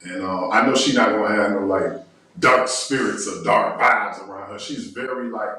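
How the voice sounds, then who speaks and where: A man's voice: lowish voice, moderate pace, pushed and bright. Talk-show host, male, easygoing joker, recorded from a distance in a very echoey room. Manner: laid-back, joking, fills with "man" and "you know". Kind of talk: casual talk-show banter.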